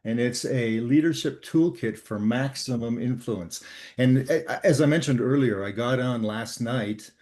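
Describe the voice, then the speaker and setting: An older man from Canada, a guest author on leadership, telling a work story in an earnest, measured way with frequent pauses and fillers. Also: mid-range voice, a little mellow. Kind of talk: storytelling interview talk.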